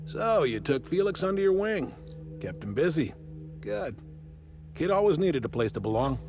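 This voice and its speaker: An actor playing an older, condescending revolutionary in a video game, speaking in measured, pompous speeches. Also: male voice, fairly high pitch, big pitch swings, over music. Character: grizzled old male revolutionary, condescending and grandiose.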